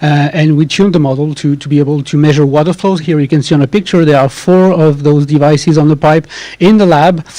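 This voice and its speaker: A man's voice: on the high side, dark tone, no echo. A man presenting his research group's work at a conference, hesitant and repeating words as he searches for them. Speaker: researcher and professor.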